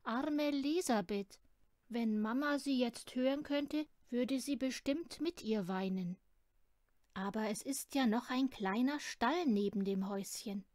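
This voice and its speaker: A woman reading a children's storybook aloud in an unhurried, expressive way. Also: a little high, no echo, studio quality. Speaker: storybook reader.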